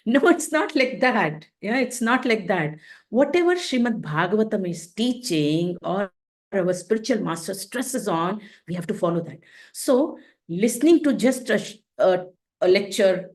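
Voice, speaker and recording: A woman leading a scripture class over a video call, in an animated, questioning, teacherly way. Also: mid-range voice. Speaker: class leader.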